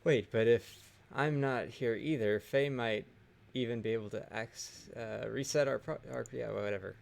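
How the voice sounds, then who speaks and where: A man's voice: mid-range voice, normal speed, vocal fry, darkish tone. A man doing a let's play, reading out game dialogue in character with theatrical outbursts. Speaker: gamer reading a game's dialogue aloud.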